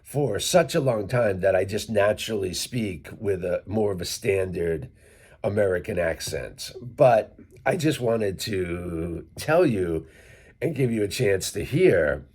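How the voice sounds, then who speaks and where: This is a middle-aged English teacher vlogger from Worcester, Massachusetts, whose light local accent comes through as he casually breaks down English sounds for viewers, spelling words out one step at a time in a talk to camera. His fairly low, darkish voice has lively intonation and a breathy edge. He takes his time.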